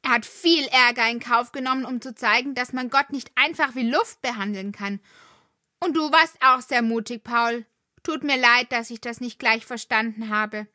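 A woman's voice: fairly high pitch, fairly even intonation, moderate pace, sharp tone, no room sound, studio quality. A woman voicing a talkative, curious young worm child in a children's audio drama.

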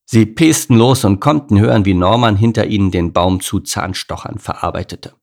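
Male audiobook narrator, low voice, gravelly texture, expressive children's storytelling. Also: moderate pace.

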